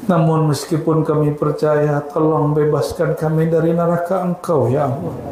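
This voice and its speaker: Middle-aged guy leading a pleading prayer, kinda high voice, big echoey hall. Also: level tone, moderate pace, darkish tone, slight background noise. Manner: fervent, pleading, repetitive invocations. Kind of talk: closing supplication at a religious study evening. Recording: very echoey hall, faint ambience.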